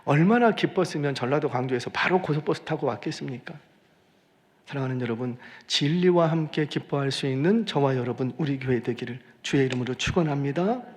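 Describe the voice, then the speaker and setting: A man preaching a sermon as senior pastor, animated and repeating phrases for emphasis, in a church sanctuary. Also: medium pitch, brisk, big-room sound.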